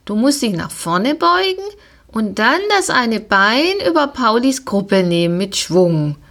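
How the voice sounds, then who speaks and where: A woman's voice: on the high side, big pitch swings, measured pace, voice pushed up, full character voice. A woman doing an eager, pony-loving little girl. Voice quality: bright, childlike. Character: eager, kind young girl who loves her pony. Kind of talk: storybook reading.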